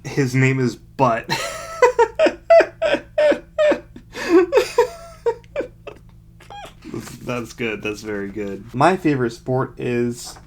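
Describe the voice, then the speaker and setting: Reading aloud from a book from his childhood, a young vlogger-style man takes his time, speaking casually at average pitch amid a little hiss or hum. Between short excerpts he tears into the text with self-mocking remarks and dry sarcasm.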